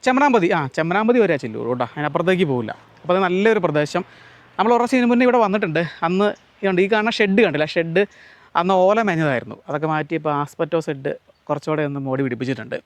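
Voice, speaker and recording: കേരളത്തിൽ നിന്നുള്ള ഒരു പുരുഷൻ, മലയാളി ഉച്ചാരണത്തോടെ, ഒരു കൃഷിയിടത്തിൽ നിന്ന് ക്യാമറയോട് സംസാരിച്ച് കാഴ്ചകൾ വിശദീകരിക്കുന്ന vlogger. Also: male voice, on the high side, expressive, very fast, no room sound. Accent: Malayali. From Kerala. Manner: chatty, explains to viewers and mixes in Tamil words. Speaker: vlogger. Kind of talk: casual walk-through vlog. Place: outdoors on a farm.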